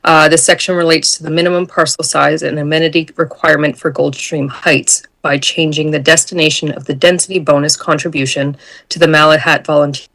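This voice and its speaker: A woman's voice: deep voice, fairly even intonation, fairly quick, gravelly, fairly bright tone. A woman on a video call summarizing a report formally, her audio cutting in and out so her words get clipped off. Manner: careful, reads out bylaw and section numbers. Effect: choppy audio cutting in and out, words clipped off. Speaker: planning staff presenting a report.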